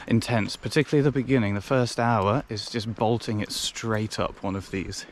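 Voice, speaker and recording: A man's voice: lowish voice, fairly even intonation, normal speed, a little hiss or hum. A young man filming a hiking vlog outdoors on a handheld camera, chatty and self-mocking, rambling through restarts. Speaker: hiking vlogger. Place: outdoors on a wooded fellside. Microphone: handheld action camera.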